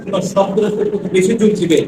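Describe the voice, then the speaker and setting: Heard from a distance in a noisy, reverberant classroom, a man from Bangladesh who lectures in English drills his students by repeating one question again and again so they respond together. His voice sits high and stays steady as he reads the English sentences out at a slow pace.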